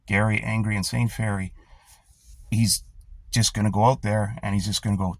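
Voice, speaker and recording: Gravelly, profane man ranting. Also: lowish voice, flat delivery, moderate pace, no echo. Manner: profane, sarcastic, blunt. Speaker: commentary host. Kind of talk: angry political rant.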